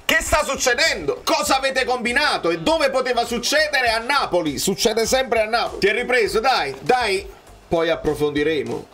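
A young man reacting live to a football match, cheering players and shouting at missed chances. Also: extremely high pitch, moderate pace, faint music behind. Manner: excitable, swings from muttering to shouting at plays.

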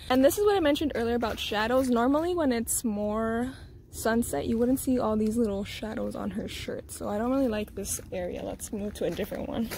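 Out in a garden under a tree, a young mum offers tips on her vlog, talking a little fast in a slightly mellow voice with vocal fry. She's chatty, a bit flustered and out of breath, and slips into a high sing-song to coax her toddler. Slight background noise is audible.

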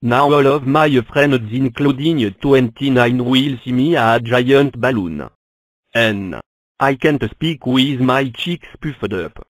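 A worried number-block creature from a fan cartoon, voiced by a man, exclaiming in a halting, stilted way. The delivery is slow, in a dry, close sound. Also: medium pitch, dry recording, natural voice. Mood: distressed. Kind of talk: fan animation character monologue.

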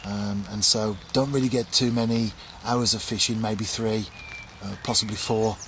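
A middle-aged man casually explaining his fishing to a handheld camcorder outdoors on a canal bank, relaxed and chatty with frequent ums. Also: on the low side, normal speed. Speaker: angler vlogger. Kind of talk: casual fishing vlog to camera. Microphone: camcorder at arm's length. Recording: outdoor camcorder with clear background noise.

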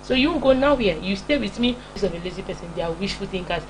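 In a small indoor studio set up like a home, a young Nigerian preacher and broadcast host races through an informal motivational sermon. Her medium-pitched voice has lively intonation, and she scolds and repeats herself emphatically in a Nigerian accent. The poor audio includes clear background hum and noise.

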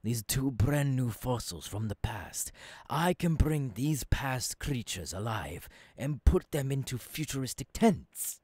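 A man playing an earnest visionary professor mentoring an apprentice in an ASMR roleplay, halting and breathy, close to the microphone. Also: mid-range voice, lively intonation, darkish tone, dry recording. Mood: eager, instructing. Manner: slow, deliberate, halting phrases dropping into whispers. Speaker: voice actor. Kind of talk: ASMR audio roleplay, intimate second-person monologue. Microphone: close microphone, dry.

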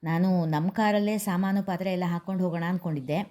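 A woman's voice: lowish voice, fairly even intonation, fast talker, mellow, close to an everyday voice. A woman voicing a middle-aged uncle who is fatherly and approving. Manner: fatherly, praising.

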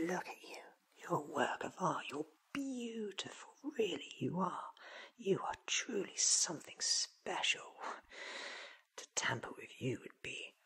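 A man's voice: a little high, gravelly, sharp tone, breathy edge, heavily acted. A man in his thirties playing an eccentric, curious, ancient alien time traveller, theatrical and wordy, in a close-miked ASMR roleplay. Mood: admiring, mischievous. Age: 30s. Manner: theatrical, wordy, self-assured. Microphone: close sensitive microphone.

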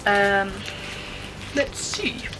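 A woman's voice: medium pitch, lively intonation, extremely slow, over music, low-quality recording. A British woman in her twenties giving casual, chatty taste-test commentary, thinking aloud with some hesitation. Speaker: vlogger reviewing snacks. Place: small bedroom, indoors.

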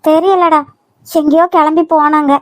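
A woman voicing a lonely new bride in a cartoon drama, giving quiet, subdued replies in Kanyakumari Tamil. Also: high-pitched, little pitch movement, moderate pace, no echo, lightly acted. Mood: subdued sad.

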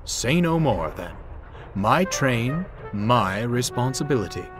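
A man's voice: medium pitch, very animated, slow, over music. Dudley, a man voicing a pompous steam engine. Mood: brisk. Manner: haughty, posh and snappish.

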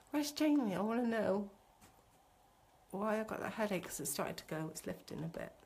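A woman streams live as a psychic medium, bubbling through a spirit reading and calling everyone sweetie. Pitch is medium and her speed is normal.

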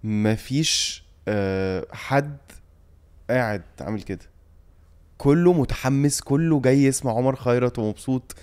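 A man's voice: medium pitch, measured pace, a little mellow, smooth. A young Egyptian man telling a story vividly and emotionally, with emphatic repeats, as a guest on a podcast. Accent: Egyptian Arabic. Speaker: guest singer and actor. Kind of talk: animated storytelling in a podcast chat.

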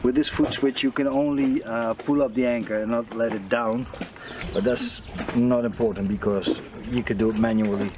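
A Dutch man in his fifties talks through hands-on repair work in a casual vlog style. His English is a second language, with halts as he translates in his head, at a medium pitch. There is some noise and clicking behind him in a small cabin. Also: steady tone. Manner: halting non-native English, searching for words as if translating. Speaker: sailing vlogger. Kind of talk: casual DIY repair explanation. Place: small boat cabin interior.

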